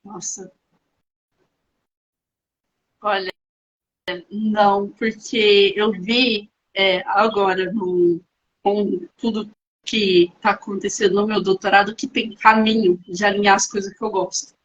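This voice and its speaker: A young adult woman with a Brazilian accent, a doctoral student talking fast and animatedly as a podcast guest. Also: medium pitch, level tone, a little hiss or hum. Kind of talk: casual podcast chat. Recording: dull lo-fi sound.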